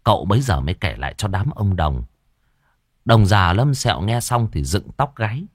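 Male storyteller, low and expressive, dry studio sound. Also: normal speed, dry recording. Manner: lively, vivid narration. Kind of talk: dramatic comic storytelling.

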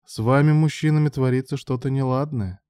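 A man reading aloud and voicing a scheming woman madam in an audiobook, with a coaxing manner that turns to shrill exclamations. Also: brisk, dark tone, clear, resonant tone, dry recording, clean studio sound, close to an everyday voice. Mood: sly. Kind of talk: audiobook dialogue.

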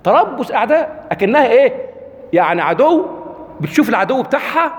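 A man's voice: very high-pitched, very animated, fast talker. A man with an Egyptian accent giving a religious lecture, constantly asking the audience rhetorical questions. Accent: Egyptian Arabic. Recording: echoey hall with long reverb.

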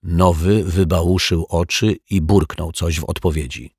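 A man's voice: fairly even intonation, unhurried, breathy edge, dry recording, clean studio sound. A man reading a children's detective story aloud as an audiobook narrator, voicing the characters in turn. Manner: voices the characters with raised pitch and louder delivery.

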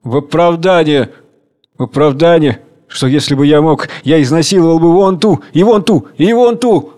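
A man's voice: a little high, normal speed, dark tone, voice pushed up, natural voice. A man reading a sullen brutish convict. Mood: defiant. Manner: sullen, defiant.

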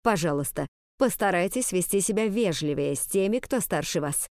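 A woman's voice: medium pitch, very animated, moderate pace, a little mellow, clear, resonant tone, no echo, studio quality, lightly acted. A woman voicing a stern, irritable older headmistress with a stiff, reproachful manner.

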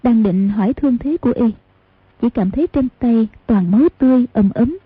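A woman narrating an audiobook in a steady, measured way with a husky voice, on a tinny lo-fi recording. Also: on the high side, no room sound. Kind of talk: storytelling narration.

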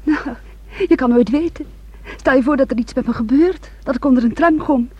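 An actress in a Dutch radio play portrays an intense, wounded young woman, hushed and intimate and often slipping toward a whisper, in a wistful mood. Her voice sits high and husky at normal speed, on a muffled old recording.

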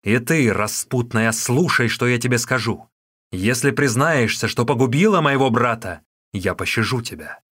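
Man voicing a loud, menacing warrior, mid-pitched, dry. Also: expressive, moderate pace, no room sound. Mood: furious. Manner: loud, threatening, forceful. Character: fierce vengeful young warrior, menacing.

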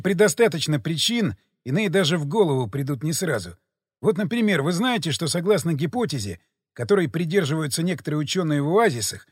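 Brief: male reader doing a composed foreign commander, icy courtesy, lively pitch, dry booth sound. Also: no echo. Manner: precise, measured, politely venomous. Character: calm, coldly sarcastic foreign man, expedition leader.

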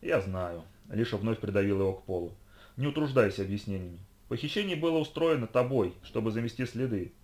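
A man's voice: fairly low pitch, expressive, fairly quick, a little mellow, close to an everyday voice. A man voicing a cold young woman interrogator. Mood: probing. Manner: icy, probing, commanding.

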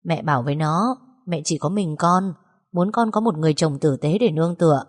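A woman's voice: low-pitched, a little fast. A woman voicing a stern middle-aged mother who scolds her daughter bluntly, in an audiobook story. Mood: scolding. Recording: long reverb.

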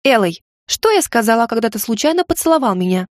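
A woman voicing a sharp-tongued young witch. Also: a little high, big pitch swings, fast, dry recording, clean studio sound. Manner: sarcastic, snapping.

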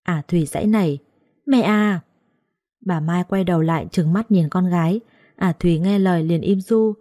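A woman narrating a first-person story in a steady storytelling manner. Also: fairly low pitch, brisk, no echo, studio quality.

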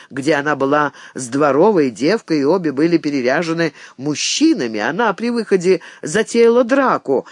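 A man's voice: on the high side, dry recording, studio quality. A man voicing an ardent young nobleman who argues his case with heat and earnestness. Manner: heated, earnest.

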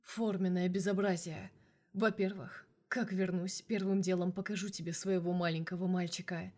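A woman reading an audiobook, voicing a teasing, flirty male boss in a low, hushed half-whisper. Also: little pitch movement, moderate pace, natural voice. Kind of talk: audiobook character voice.

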